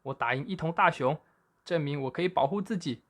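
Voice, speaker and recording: A man voicing an excited young boy raised by wolves, shouting eagerly. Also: on the high side, brisk, pitched above the performer's own voice.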